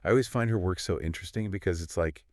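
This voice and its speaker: A man with a low, slightly mellow voice talks quickly as a podcast co-host, chatting casually about books and agreeing along the way. The recording is dry and studio-clean.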